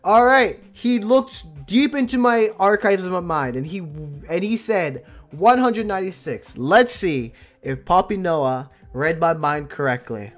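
A man live-streaming a game, chatting excitably with his viewers and mocking himself. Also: high voice, measured pace, few pauses, soft background music. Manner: excitable, self-mocking, talks to chat. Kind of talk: live gaming stream chat.

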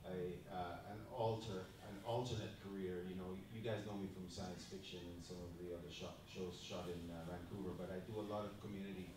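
A middle-aged man from Jamaica speaks in a very low, unhurried voice on a convention panel. He is picked up from a distance in a large, echoing room with steady background noise. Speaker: convention panel guest actor. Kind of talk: casual panel talk. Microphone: handheld mic, far camera.

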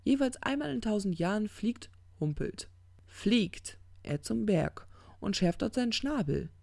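A reader raises the voice to play a smug, tipsy demon who rambles and trips over his own words. The tone is gravelly and dark, and the recording is dry and close. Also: mid-range voice, expressive, dry recording, voice pushed up. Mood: insistent. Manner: slurred, halting drunken ramble. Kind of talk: audiobook character reading.

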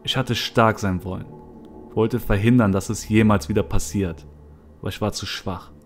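A man narrating a horror story in the first person, in a somber, low-key manner. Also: fairly even intonation, normal speed, slight background noise. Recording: soft music behind.

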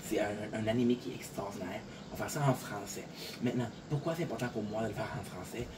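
A man from Montréal with a Québécois French accent talks fast in a fairly low voice, casually speaking to camera as a content creator. A little tired, he rambles with lots of fillers and repeated words. His voice is distant amid noisy, clearly outdoor surroundings.

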